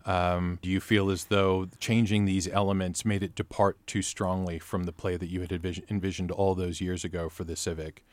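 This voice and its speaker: A man interviews a playwright, building his questions in long, thoughtful layers. His voice sits low. It is recorded close and dry. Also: flat delivery, normal speed, hardly any pauses, no echo. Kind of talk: interview conversation.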